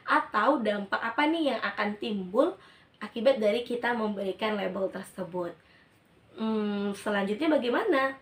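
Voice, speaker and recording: A woman hosting a parenting talk who speaks directly to mothers and poses rhetorical questions before answering them. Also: mid-range voice. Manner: addresses listeners directly as mothers. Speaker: parenting educator and channel host. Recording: echoey room, mic at a distance.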